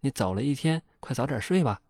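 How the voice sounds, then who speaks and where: A man voicing a quick-tempered young wife, speaking high and sharp. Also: expressive, vocal fry, no room sound, clean studio sound. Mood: scolding.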